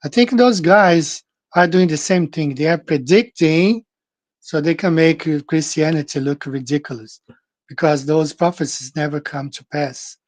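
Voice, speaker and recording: A man hosting his own channel, talking through scripture in an earnest, halting way, with frequent restarts and fillers. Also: a little high, darkish tone, no echo. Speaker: channel host. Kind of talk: casual monologue on scripture.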